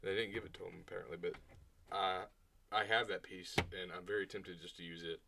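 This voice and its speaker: Chatty, low-voiced young man on a livestream. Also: level tone, a little fast, creaky, noisy background. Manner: chatty, rambling, laughs easily. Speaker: livestream host building LEGO. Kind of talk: casual livestream chat.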